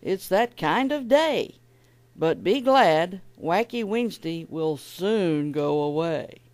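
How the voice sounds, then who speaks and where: A woman playing a jolly storybook patrolman, friendly, booming and reassuring, bouncy lively pitch, dry close sound. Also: slow, no room sound. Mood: cheerful. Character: cheerful friendly male patrolman.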